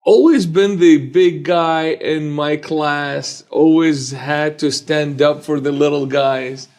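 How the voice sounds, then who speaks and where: A man in his forties from Iraq, a personal injury attorney telling his life story as a podcast guest in an earnest, measured way. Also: fairly high pitch, fairly even intonation, a little mellow.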